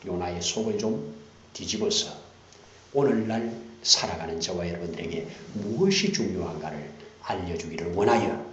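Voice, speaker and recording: A Korean pastor preaching in an echoing sanctuary. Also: male voice, sits low, normal speed. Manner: swings from hushed whispers to loud emphatic preaching; repeats key phrases for emphasis. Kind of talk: sermon. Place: church sanctuary. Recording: dull roomy church recording with faint hiss.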